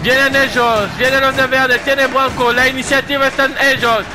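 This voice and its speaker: A man giving excited play-by-play football commentary of a video game match, given to shouted, repeated goal calls. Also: extremely high pitch, normal speed, music in the background, crowd noise.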